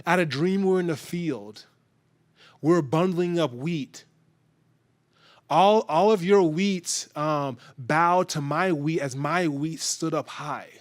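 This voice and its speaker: A man's voice: fairly high pitch, slow. A preacher voicing a cocky teenage boy. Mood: earnest. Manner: casual, slangy, excited. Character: brash, tactless teenage boy boasting of his dreams.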